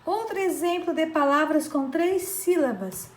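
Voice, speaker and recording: Woman teacher, high voice, slow deliberate delivery, echoey room. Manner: slow, patient, stretches out syllables, checks in with "certo?". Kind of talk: children's grammar lesson.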